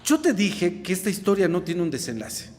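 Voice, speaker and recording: Animated high-voiced Mexican preacher. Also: male voice, fairly quick. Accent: Mexican Spanish. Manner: animated, acts out quoted dialogue, asks the congregation questions. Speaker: pastor. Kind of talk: evening sermon. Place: church sanctuary. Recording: reverberant church hall.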